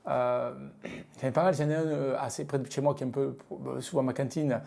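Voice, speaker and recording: A man's voice: mid-range voice, steady tone, a little fast, creaky, mellow. A middle-aged man from Lozère with a singsong southern French accent, speaking frankly in an interview with many fillers and restarts. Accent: southern French (Midi). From France, Lozère. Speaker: guest, business leader. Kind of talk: casual interview talk.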